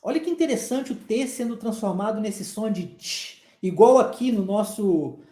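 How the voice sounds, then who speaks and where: A woman's voice: medium pitch, expressive, moderate pace, warm tone, reverberant. A woman with a southeastern Brazilian accent, giving a patient English pronunciation lesson and repeating phrases for drills. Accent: Brazilian Portuguese, southeastern. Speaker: English teacher.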